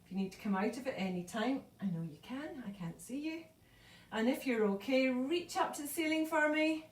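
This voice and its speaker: Yoga teacher lady, highish voice, a bit out of breath, sounds far off in a roomy space. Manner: calm, slow cueing of breath and movement. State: a little out of breath. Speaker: yoga instructor. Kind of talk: live online yoga class instruction. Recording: echoey room, voice from far off.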